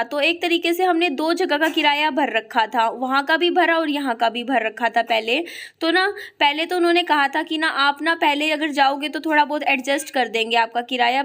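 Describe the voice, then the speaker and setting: A woman from Haryana with a high-pitched voice and a sore throat, chatting casually to her viewers in a family vlog, quick and full of fillers. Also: a bit bright. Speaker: family vlogger.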